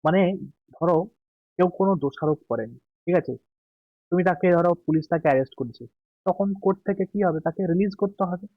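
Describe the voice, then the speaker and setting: High-voiced Bengali tutor explaining answers. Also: male voice, no echo, lo-fi sound. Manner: slow drawn-out English words, checks in often. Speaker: exam tutor.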